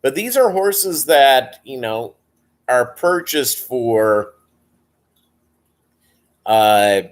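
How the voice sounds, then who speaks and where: A man with a deep Southern American accent chatting casually as a livestream host, rambling and halting as he talks to viewers. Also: lively intonation. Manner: rambling, halting delivery, reading and answering viewer comments. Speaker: live stream host.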